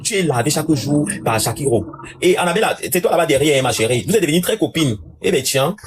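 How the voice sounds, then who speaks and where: A man hosting a casual live stream, talking to his viewers in an animated rant with lots of repetition. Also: a little high, slightly rough. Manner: rapid, animated ranting with repeated phrases.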